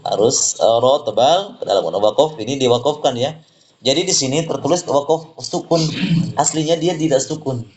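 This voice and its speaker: A man teaching tajwid, explaining slowly, repeating words and reciting examples for students to echo. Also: mid-range voice, darkish tone.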